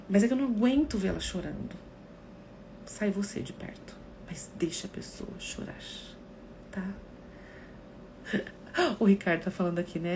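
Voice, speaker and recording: A woman psychologist talks straight to her live-stream viewers, acting out the remarks people make. Her voice carries a gravelly creak, and faint noise hums behind her. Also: on the low side. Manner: expressive, acts out quoted remarks.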